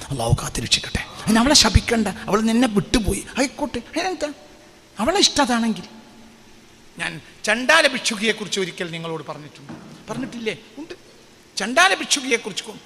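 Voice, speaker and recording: A man's voice: high-pitched, a bit bright, in a large hall, slight background noise. A male preacher, giving a sermon. He puts questions to the listeners, repeats phrases for emphasis and recites Arabic lines. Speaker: Islamic preacher. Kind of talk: sermon with call-and-response questions.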